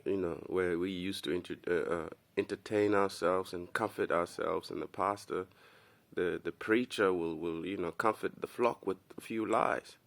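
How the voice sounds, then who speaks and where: A man's voice: low-pitched, steady tone, moderate pace, vocal fry. A young man from Kenya giving a loose, rambling casual monologue to camera, tossing in "bro" as he talks. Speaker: commentary video host.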